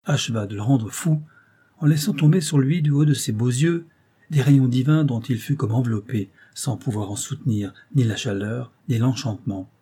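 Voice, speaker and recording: A male narrator reads a literary romance in a measured, lyrical storytelling manner. His voice is dark and mellow, with a husky edge. The delivery is steady and unhurried. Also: medium pitch. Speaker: audiobook narrator.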